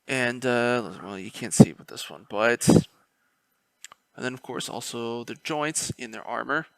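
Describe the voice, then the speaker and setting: A man's voice: mid-range voice, a little slow, creaky, smooth, no echo. A man casually narrating a miniature painting tutorial, rambling a little with fillers and restarts. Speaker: miniature painting hobbyist host.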